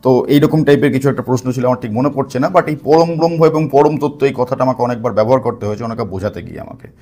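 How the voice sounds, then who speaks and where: A spiritual talk host with a mid-range, darkish voice speaks emphatically to camera in a commentary. He uses rhetorical questions and repeated phrases, mixing English words into his speech.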